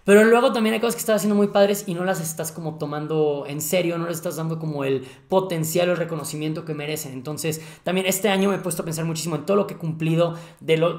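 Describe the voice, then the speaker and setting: A Mexican man in his 30s hosts a podcast from a living room with a fireplace, chatting casually in a Mexican Spanish accent. He's animated and slangy, gesturing a lot, with a somewhat high voice and a roomy sound.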